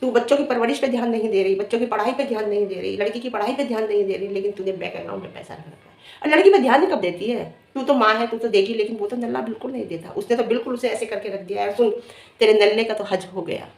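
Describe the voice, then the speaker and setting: A woman's voice: fairly high pitch, fast, darkish tone. A middle-aged woman vlogger who scolds and taunts a rival directly in a confrontational rant. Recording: echoey room.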